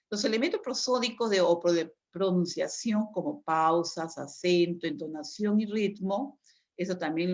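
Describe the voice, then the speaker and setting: A woman's voice: lowish voice, darkish tone. A woman teaching a lecture, explaining at length and often checking in with her listeners. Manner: explanatory, frequent tag questions. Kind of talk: online lecture. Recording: dull lo-fi sound.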